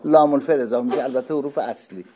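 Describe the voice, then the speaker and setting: A man giving a lecture, asking questions and answering them himself, and spelling out word forms slowly. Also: medium pitch, mellow, slight background noise. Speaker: teacher. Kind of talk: lecture on Arabic grammar.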